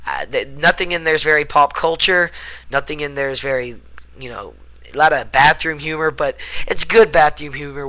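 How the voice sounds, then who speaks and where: Bright-voiced, caffeine-wired young man rambling. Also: medium pitch, rough recording. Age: young adult. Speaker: video blogger. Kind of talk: casual unscripted vlog chat.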